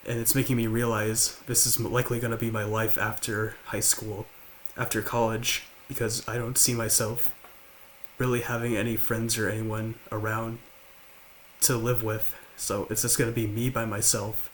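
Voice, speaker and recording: A young man in his late teens with a slight lisp, talking quietly and haltingly to the camera at home. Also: fairly low pitch, a little hiss or hum. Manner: halting, with many fillers and restarts. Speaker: vlogger. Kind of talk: confessional talk to camera. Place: large house, indoors.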